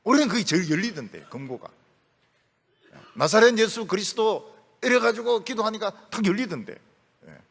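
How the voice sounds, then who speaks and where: A man preaching a sermon as a pastor, animated, folksy and humorous. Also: high-pitched, normal speed, vocal fry, big-room sound.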